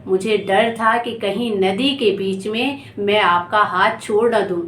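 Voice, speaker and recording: A woman's voice: medium pitch, fairly even intonation, unhurried, a bit bright, natural voice. A woman storyteller voicing a timid, trusting male disciple in an earnest, confessional way. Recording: echoey room, faint background noise.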